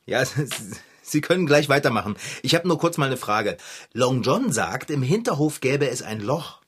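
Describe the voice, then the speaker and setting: A man's voice: medium pitch, sing-song, moderate pace, fairly bright tone, husky. A man playing a naive, cheerful young bike mechanic in a children's audio play, chatty and childlike. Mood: on phone. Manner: chatty, childlike, easily enthused.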